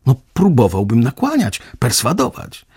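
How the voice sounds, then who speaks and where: A man voicing an older village painter who talks loudly and insistently in a read-aloud story. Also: medium pitch, huge pitch swings, moderate pace, husky, no echo, clean studio sound, voice pushed up, exaggerated voice. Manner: loud, insistent, emphatic. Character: hearty older male village painter, forceful.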